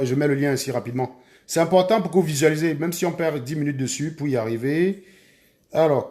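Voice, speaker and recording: A man's voice: medium pitch, mellow. A man hosting a live stream, chatting casually and repeatedly urging his viewers to hurry. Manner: urgent, repetitive urging of viewers.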